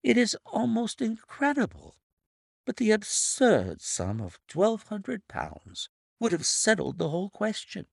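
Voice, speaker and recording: A man performs a silky, middle-aged blackmailer who purrs his threats with false pity. The voice sits noticeably higher and glides through big rises and falls at an unhurried pace. A gravelly edge runs under the oily charm, recorded dry and close. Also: wildly swooping pitch, no echo, exaggerated voice. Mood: mock-pitying. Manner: oily, unctuous, mock-sympathetic. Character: smug, purring male blackmailer, middle-aged. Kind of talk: audiobook character reading.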